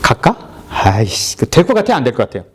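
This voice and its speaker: Brief: middle-aged man, pastor's chatty sermon, acts out the characters, slightly high voice. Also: wildly swooping pitch, very fast, darkish tone, slight background noise. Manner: conversational, asking the congregation questions.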